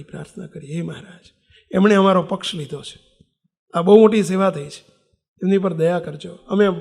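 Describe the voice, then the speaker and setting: A man's voice: sits high, creaky. An older man, a monk, preaching a sermon and telling a story, acting out the voices of the people in it. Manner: animated storytelling, acts out quoted voices.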